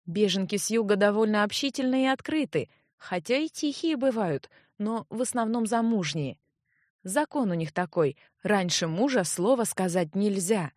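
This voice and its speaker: A woman's voice: medium pitch, expressive, moderate pace, a little mellow, dry recording, studio quality, close to an everyday voice. A woman voicing a practical woman herbalist in an audiobook, speaking in a matter-of-fact, instructing way. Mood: instructive.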